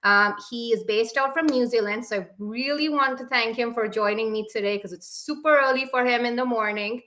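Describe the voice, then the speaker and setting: A woman's voice: on the high side, fairly quick, pushed and bright, slight background noise. A young woman hosting a live interview show over a video call, friendly and repeating words for emphasis. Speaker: podcast host.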